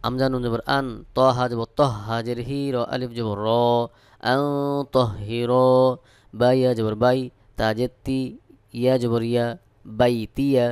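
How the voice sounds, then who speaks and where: A Bangladeshi man teaching Quran reading, spelling out each letter slowly and then chanting the verses. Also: mid-range voice, flat delivery, darkish tone, clean tone, no room sound. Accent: Bangladeshi Bengali. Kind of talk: spelling out Quran recitation lesson.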